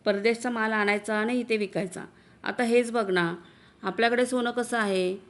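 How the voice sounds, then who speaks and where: A woman's voice: fairly high pitch, fairly even intonation, normal speed, close to an everyday voice. A boastful, self-assured husband who coaxes his wife with big promises, read by a woman narrator in her plain voice. He sounds confident and persuasive in this storybook reading. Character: boastful husband, middle-aged man, smooth talker.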